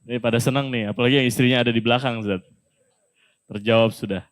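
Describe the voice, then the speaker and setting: A man's voice: medium pitch, fairly even intonation, fast talker, no room sound. Polite male moderator reading questions. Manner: polite, deferential to the teacher.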